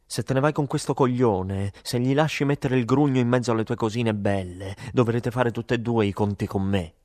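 A man's voice: mid-range voice, normal speed, a little mellow, dry recording, clean studio sound, close to an everyday voice. A man voicing a drunk, belligerent young soldier in an audiobook, talking in a crude, threatening way. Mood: menacing.

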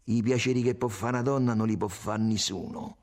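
A man's voice: lowish voice, steady tone, brisk, a little mellow, natural voice. A man reading an audiobook, voicing a jealous, violent young man. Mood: angry, interrogating. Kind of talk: audiobook character voice.

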